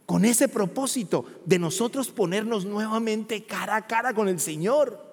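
A male pastor preaching emphatically, asking rhetorical questions and rising to loud peaks. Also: high-pitched. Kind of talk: sermon. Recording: long hall reverb.

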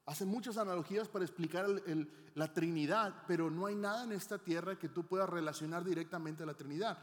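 A man's voice: high-pitched, fast. A middle-aged male pastor preaching a teaching sermon, often asking the congregation questions. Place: church hall. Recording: long hall reverb.

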